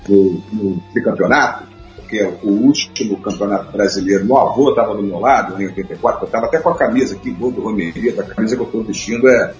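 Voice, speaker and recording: A man talking casually on a radio show, telling lively stories with frequent laughs. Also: lowish voice, quick pace. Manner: animated storyteller, laughs often. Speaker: guest. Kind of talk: casual chat. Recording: muffled roomy sound with faint music.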